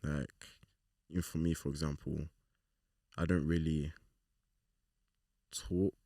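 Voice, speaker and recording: A man's voice: very deep voice, level tone, takes it slowly, mellow, no room sound, clean studio sound, recorded from a distance. A young man, a podcast guest chatting casually and slangily, often acting out what people say. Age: 20s. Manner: laid-back, slangy, acts out quoted remarks. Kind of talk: casual group chat.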